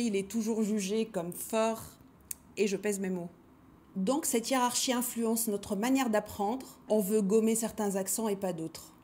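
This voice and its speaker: A woman hosts a language-learning video with a voice pitched a little high. She speaks in a measured, reflective way. She poses rhetorical questions to her viewers as she works through her points. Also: a little mellow. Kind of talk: reflective scripted talk to camera.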